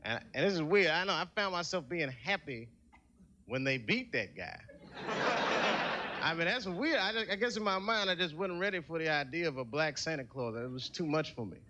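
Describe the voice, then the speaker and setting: A man's voice: a little high, expressive, moderate pace, bright, forceful tone, slight background noise. A young man doing a stand-up set in a laid-back, conversational way, asking the crowd questions, on a stage before a studio audience. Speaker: stand-up comedian.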